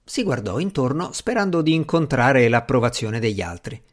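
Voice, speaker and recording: A man's voice: medium pitch, big pitch swings, moderate pace. Man narrating an audiobook. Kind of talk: scripted narration.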